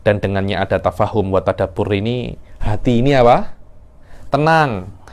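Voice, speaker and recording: Man, religious teacher, animated classroom lecture with sudden pitch jumps. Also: moderate pace. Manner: animated, acts out verse intonation with sudden pitch leaps. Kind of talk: classroom lecture on Quran recitation.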